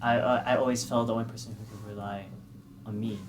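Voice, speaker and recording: A man's voice: on the low side, little pitch movement, background noise, lightly acted. A man voicing an earnest radical idealist. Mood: reflective. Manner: measured, earnest, halting with restarts. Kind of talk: voicing a character in a tabletop game.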